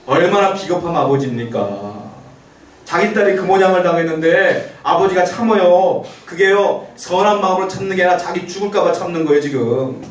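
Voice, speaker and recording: A man's voice: high voice, fairly quick, roomy sound, far from the mic, poor audio. A male pastor preaching a sermon in a conversational way, asking the congregation rhetorical questions and acting out the quotes he tells.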